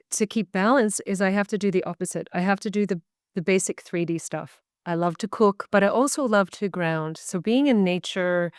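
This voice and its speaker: In a casual video call interview, the guest, a medical intuitive with a Canadian accent, speaks earnestly and reflectively in long, searching phrases. Her voice sits fairly low with a clean tone, and the recording is dry with clean studio sound.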